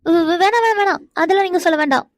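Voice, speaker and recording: Voicing a bashful, easily flustered young wife in a cartoon, a woman sounds shy and protesting, fretful and full of exclamations, stammering when embarrassed. Her pitch is extremely high, she speaks very fast, and there's no room sound.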